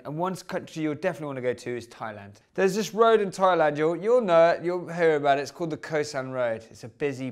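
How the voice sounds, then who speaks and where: A man telling a rambling, hesitant confessional story in a scripted comedy monologue. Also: medium pitch.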